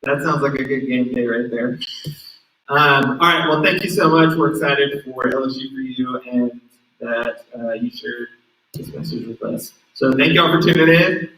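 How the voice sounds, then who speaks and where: Youth group host, relaxed and encouraging, mid pitch, recorded from across a roomy space. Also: male voice, normal speed. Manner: easygoing, encouraging, frequent ums. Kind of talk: casual livestream chat. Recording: roomy room, mic at a distance.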